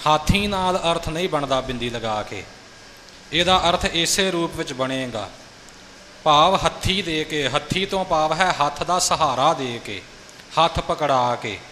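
A man's voice: fairly high pitch, expressive, unhurried, pushed and bright, long reverb tail, slight background noise. A man teaching scripture pronunciation, patiently explaining and modeling each line. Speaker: recitation teacher. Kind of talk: pronunciation instruction.

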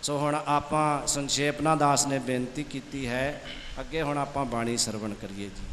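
A man's voice: mid-range voice, fairly even intonation, normal speed, fairly bright tone. A man giving earnest religious instruction, explaining scripture recitation. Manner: earnest, instructive, sometimes emphatic. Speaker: religious teacher. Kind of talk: explanatory teaching talk. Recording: echoey hall with ambient noise.

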